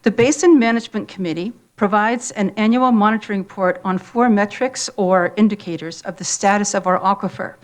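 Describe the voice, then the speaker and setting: Measured woman reading a public comment. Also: medium pitch. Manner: measured, formal, reading a prepared statement. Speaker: public commenter, local resident. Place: public hearing room.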